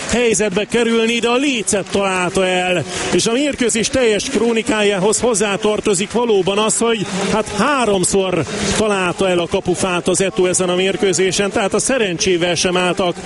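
Excited high-pitched Hungarian football commentator, a man. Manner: excited, shouts drawn-out goal calls. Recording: clear outdoor stadium background noise.

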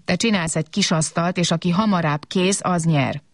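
A woman's voice: lowish voice, no echo, clean studio sound. A woman voicing a big robot who is proud, bossy and sulky, in a storybook reading.

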